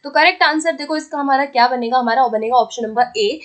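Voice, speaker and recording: Young woman teacher, hindi accent, high voice, explains step by step, keeps saying ok. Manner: explanatory, repeats "theek hai" to check in; slows down to read questions aloud. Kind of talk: exam-prep lesson.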